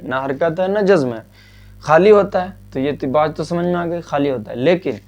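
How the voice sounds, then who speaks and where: A man teaching a Quran reading lesson, patiently asking questions and answering them himself, and drilling letter sounds slowly. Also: on the high side, darkish tone. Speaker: religious teacher.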